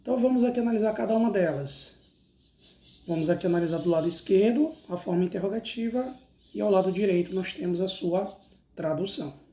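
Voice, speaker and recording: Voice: mid-range voice, a little fast, dark tone, a little hiss or hum. An English teacher with a Brazilian Portuguese accent, giving a recorded lesson that reads out each example and then its translation. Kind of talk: slow recorded language lesson. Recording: roomy, echoey recording.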